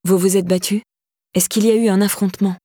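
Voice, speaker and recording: A woman's voice: medium pitch, steady tone, fast talker, dark tone, dry recording, studio quality, natural voice. A woman voicing a female police detective who questions in a light, melodious, probing way.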